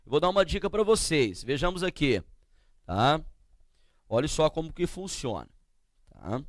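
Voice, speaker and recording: A man teaching a grammar lesson, explaining slowly and often asking the class to check they follow. He speaks with a Brazilian Portuguese accent. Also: a little high, big pitch swings, no room sound, clean studio sound. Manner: slow, drawn-out explanations with frequent checking questions.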